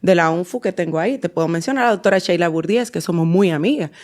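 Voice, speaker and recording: A Dominican woman in her forties with a Dominican accent, a guest in a podcast interview, telling her story in an unhurried way with many fillers and restarts. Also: on the low side, darkish tone. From Dominican Republic. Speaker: guest, endodontist and dental teacher.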